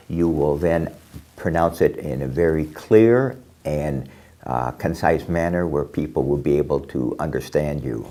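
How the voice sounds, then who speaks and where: A man teaching English pronunciation to a class, explaining slowly and deliberately with frequent pauses and fillers. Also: rumbling low, mellow. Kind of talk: classroom lesson.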